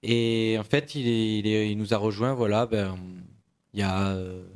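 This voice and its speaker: A man's voice: lowish voice, steady tone, normal speed. A man from a band chatting casually in a radio studio interview, rambling a little with restarts. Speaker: band member.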